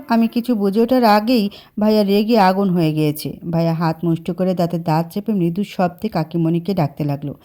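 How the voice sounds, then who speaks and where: Warm-voiced woman narrating a love story. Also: mid-range voice. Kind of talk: first-person story narration.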